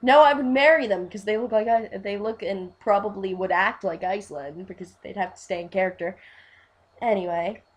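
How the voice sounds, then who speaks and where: A woman's voice: mid-range voice, normal speed. Rambling, gushing woman fan chatting. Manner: rambling and gushing, many fillers, swings from quiet to loud. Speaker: fan vlogger. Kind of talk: casual fan chat.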